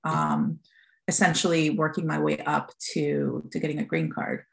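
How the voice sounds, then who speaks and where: A woman's voice: low-pitched, big pitch swings, normal speed, creaky. A woman in her forties from Costa Rica, a fund founder telling her story as a podcast guest in a candid, filler-filled way. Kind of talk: podcast interview.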